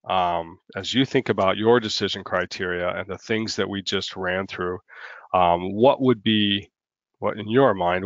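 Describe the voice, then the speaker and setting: A marketing head presenting a business webinar, talking quickly with many ums and uhs. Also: male voice, fairly bright tone, dry recording, muffled recording. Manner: fast, filler-heavy business pitch.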